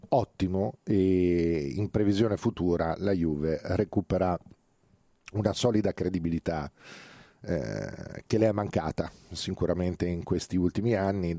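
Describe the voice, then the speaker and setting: Deep-voiced chatty Italian radio sports host. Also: male voice, dark tone, dry recording. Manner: chatty, digressive, frequent hesitations and fillers. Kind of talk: casual radio sports talk. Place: radio studio.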